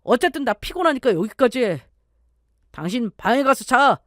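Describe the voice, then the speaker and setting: A woman's voice: fairly high pitch, big pitch swings, normal speed, no room sound, studio quality, pitched above the performer's own voice. A woman voicing an irritable, dismissive husband in a scripted narrated story, speaking in a curt, snappish way. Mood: irritated.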